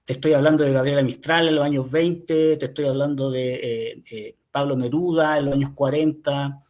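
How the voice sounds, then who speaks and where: A man with a Chilean accent, a guest poet on a video call, answering thoughtfully with many pauses, fillers and restarts. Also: mid-range voice, steady tone, a little mellow. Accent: Chilean Spanish. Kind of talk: reflective interview answer. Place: home, remote video call.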